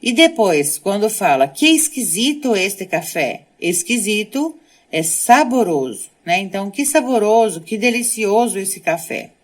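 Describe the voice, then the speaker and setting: A woman with a medium-pitched, sing-song voice speaks a little slowly. She's a native Portuguese speaker giving a Spanish lesson, reading sentences aloud before translating and explaining them.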